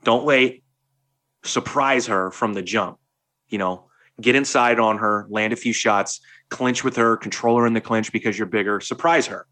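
A man's voice: lowish voice, moderate pace, sharp tone. A man co-hosting a podcast, talking casually and rambling with many restarts. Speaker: podcast co-host. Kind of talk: casual chat.

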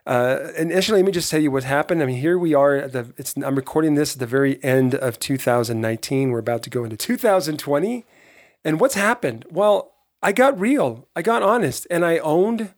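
A man with a hoarse voice giving an earnest, emphatic motivational podcast monologue, talking straight to listeners. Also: a little high. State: hoarse voice from being run down. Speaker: podcast host.

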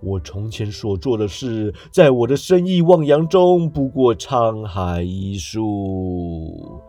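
A man voicing a grieving, chained male ghost who speaks slowly and heavily in a storybook reading. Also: on the low side, animated, dark tone, no echo. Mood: lamenting. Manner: slow, drawn-out, heavy delivery.

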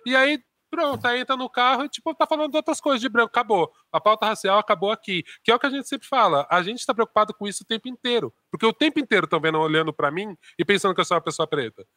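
A man with a notably high, bright, forceful voice talks animatedly in a casual group discussion. He is slangy and acts out quoted speech as he goes. The sound is dry and close, with no room ring. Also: racing, few pauses, no echo. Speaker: discussion panelist.

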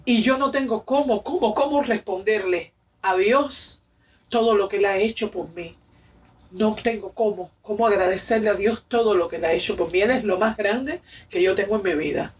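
Recorded on a distant mic, a woman from Cuba in her forties shares her personal testimony of faith at church. Her medium-pitched Cuban-accented voice moves at a moderate pace, passionate and emotional, returning to certain phrases to stress them.

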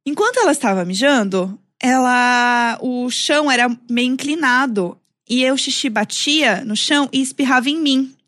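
A young woman with a high voice tells a story on a podcast, animated and loose, with plenty of fillers. The sound is close and dry, with no room around it. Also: normal speed, hardly any pauses, no room sound. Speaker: podcast co-host. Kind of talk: casual chat among friends.

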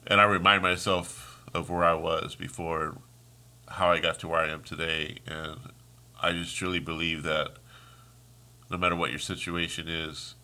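On his casual solo podcast, a sniffling, congested host rants with heat, rambling and restarting as his thoughts trail off. His voice sits low, bright and forceful, with a level tone at a moderate pace.

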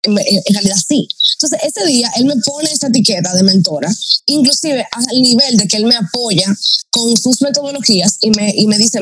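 A woman's voice: a little high, low-quality recording. A woman from the Dominican Republic with a Dominican Spanish accent, an entrepreneurship mentor and podcast guest telling her own story and acting out her inner dialogue. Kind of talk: podcast conversation, personal storytelling.

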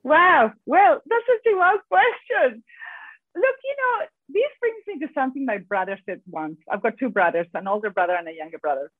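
Argentine lady guest on a podcast, strong accent, talks super fast, tinny phone sound, dry. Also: high voice, breathy edge, no room sound. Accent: Argentine Spanish. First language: Spanish. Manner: fast-talking, animated storyteller. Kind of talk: podcast interview. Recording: tinny phone-line audio.

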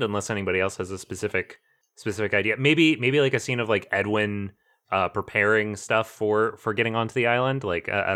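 A game master running a tabletop role-playing game who talks haltingly, with lots of filler words. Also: deep voice, fairly bright tone. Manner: hesitant, full of filler words. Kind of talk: tabletop role-play banter.

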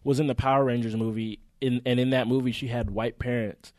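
A man's voice: medium pitch, steady tone, brisk, darkish tone, no room sound. A young man giving blunt opinions in casual podcast chat, with slangy, profane frat-bro banter. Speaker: podcast co-host.

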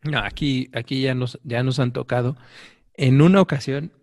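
A middle-aged Mexican man tells stories in a relaxed chat and slips into the people he quotes. His voice sits at a middle pitch. The sound is dry and close, with no room echo. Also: moderate pace. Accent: Mexican Spanish. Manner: animated storyteller, acts out quoted voices. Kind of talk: casual chat.

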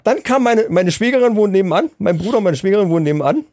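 A man hosting a podcast in casual chat, telling a story with lively energy and acting out the voices of the people in it. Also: sits high, fast, no room sound. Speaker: podcast host.

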